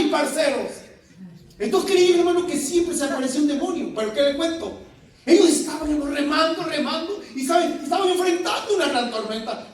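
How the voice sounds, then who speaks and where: A male pastor preaching a lively sermon, shouting out quoted lines and laughing as he addresses his listeners. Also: very high voice. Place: church. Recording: very echoey church hall, heard from a distance.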